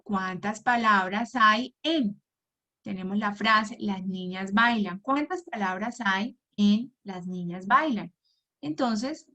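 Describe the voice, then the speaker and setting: A woman giving a patient lesson to parents, checking in often with "right?" and spelling out example words slowly and clearly. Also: medium pitch, sharp tone, lo-fi sound. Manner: patient, asks "¿verdad?" and "¿sí?" often; slow, clearly articulated model words. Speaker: homeschool teacher. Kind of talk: instructional talk to parents.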